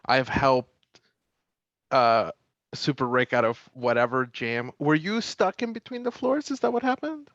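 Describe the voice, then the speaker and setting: A man's voice: medium pitch, a little slow, no echo, dull audio. Easygoing man playing a role-playing game. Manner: relaxed, fumbling for words. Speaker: player. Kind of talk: casual tabletop role-play.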